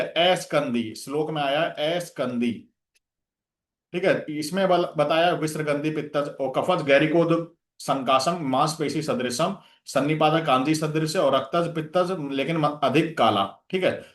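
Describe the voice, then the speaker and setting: Male tutor in an echoey room. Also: a little high. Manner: lists terms with memory tricks, frequent "theek hai" checks. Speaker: exam coaching teacher. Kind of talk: revision lecture.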